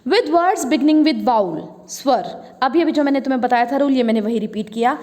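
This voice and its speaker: A woman with an Indian accent teaching English grammar to children, explaining each rule slowly and repeating words so they can be practised. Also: high-pitched, expressive, darkish tone, in a large hall. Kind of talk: classroom lesson.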